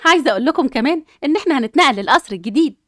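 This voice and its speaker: A woman's voice: high voice, expressive, racing, a bit bright, no room sound, studio quality. A woman with an Egyptian accent playing a cheerful, doting mother who talks in a bubbly way.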